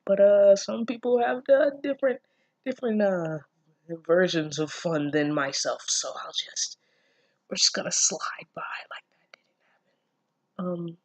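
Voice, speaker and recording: In a dry, lo-fi recording, a woman of medium pitch reads fan fiction aloud a little slowly, with fairly even intonation and frequent pauses. She giggles and breaks off to react casually, sounding incredulous and self-deprecating while swearing freely.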